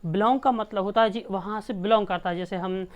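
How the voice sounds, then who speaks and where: A woman's voice: medium pitch, brisk. A woman from India teaching a math class, explaining patiently and repeating each point with check-ins to the students.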